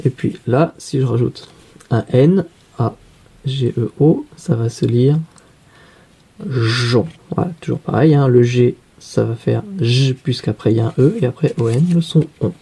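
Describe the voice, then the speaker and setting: A man with a very dark, husky voice gives a reading lesson for young children. He speaks slowly and patiently, explaining each card and stopping to ask what it says. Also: medium pitch. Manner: slow, patient, questioning explanations. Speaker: teacher.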